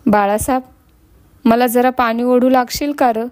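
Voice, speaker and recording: A woman's voice: a little high, steady tone, measured pace, darkish tone, natural voice. A woman voicing a blind, ailing village woman who speaks in a sad, pleading rustic way. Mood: sorrowful.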